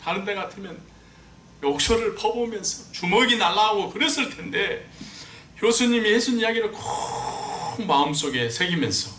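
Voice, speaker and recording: A man preaching a sermon as a pastor, telling stories with animated swings and climbing high when he quotes people. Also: moderate pace, a little hiss or hum. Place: church sanctuary. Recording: echoey church room, mic at a distance.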